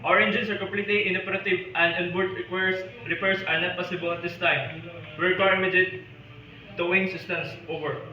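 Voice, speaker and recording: A man's voice: high voice, steady tone, fairly quick, natural voice. A man playing a ship captain on marine radio. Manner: formal radio procedure, repeating call signs, ending with "over". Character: male ship captain making formal marine radio calls. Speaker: ship captain in a role-play. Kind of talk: amateur maritime emergency role-play. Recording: echoey room from far off, dull sound, crowd behind.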